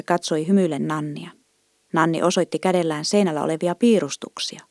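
Woman narrator, low voice, gentle storybook reading, dry close sound. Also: dry recording.

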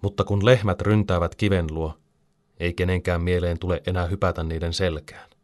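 A man reading a children's story aloud as narrator, calm and even. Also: low voice.

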